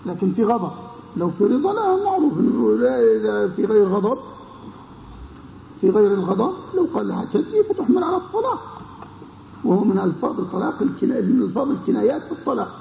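A man teaching a classical legal text to students, pausing often to check that they follow. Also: high-pitched, wildly swooping pitch, vocal fry, slight background noise. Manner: explains with repeated checking questions to students. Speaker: Islamic scholar teaching a text. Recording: dull lo-fi recording in an echoey room.

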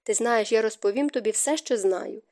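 A woman's voice: on the high side, moderate pace, lightly acted. A woman reading as a grieving stepmother. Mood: sorrowful. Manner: soft, hushed, tearful delivery. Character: grieving middle-aged stepmother, gentle and remorseful.

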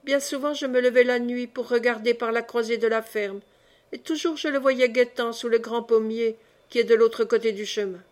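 A woman's voice: on the high side, fairly even intonation, normal speed, natural voice. A woman reading the part of a young peasant woman who speaks with naive, tearful emotion. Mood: tender.

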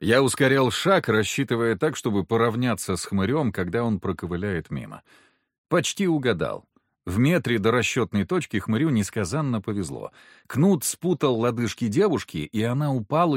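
A man's voice: on the low side, very animated, moderate pace, no room sound, clean studio sound. A man reading a first-person adventure audiobook in a wry, sardonic storytelling manner. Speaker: audiobook narrator.

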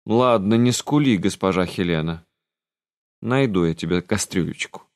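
A man's voice: sits low, moderate pace, dry recording, studio quality. A man voicing the grumpy, aloof master of an old castle in an audiobook, grumbling and condescending. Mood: sardonic.

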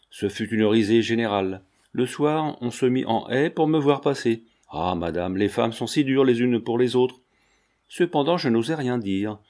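Man calmly reading a novel. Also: mid-range voice. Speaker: audiobook reader. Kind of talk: scripted narration.

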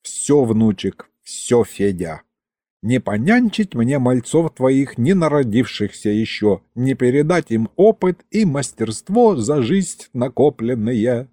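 A man's voice: mid-range voice, very animated, a little slow, hardly any pauses, warm tone, no room sound, clean studio sound. A man voicing a fussy, theatrical old grandfather house spirit with a folksy, lamenting drawl. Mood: mournful. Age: older.

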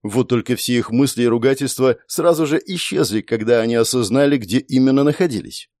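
A man narrating a fantasy story in a steady, expressive reading. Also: mid-range voice, brisk, no room sound, clean studio sound. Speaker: audiobook narrator. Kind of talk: scripted fiction narration.

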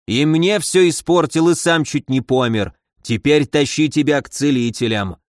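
A gruff, grumbling old man, stubborn and quick to snap, as a male narrator puts him on. The voice sits a little high and dry, close to the mic in a dead room. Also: dry recording, lightly acted. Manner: grumbling, snapping.

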